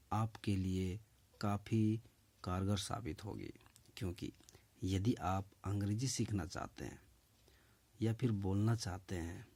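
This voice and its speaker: Slow, low-voiced man teaching English. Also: warm tone. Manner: slow, deliberate dictation that repeats each phrase; often checks in with "okay". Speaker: English teacher and channel host. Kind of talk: spoken English lesson.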